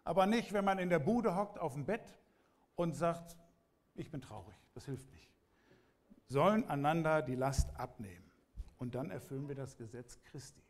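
Pastor preaching plainly to listeners. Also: male voice, fairly high pitch, moderate pace. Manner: plain, conversational preaching, addressing listeners directly. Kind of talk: sermon.

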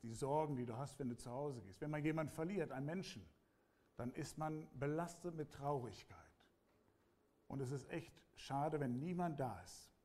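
Pastor preaching plainly to listeners. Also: male voice, on the high side, darkish tone. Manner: plain, conversational preaching, addressing listeners directly. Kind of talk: sermon.

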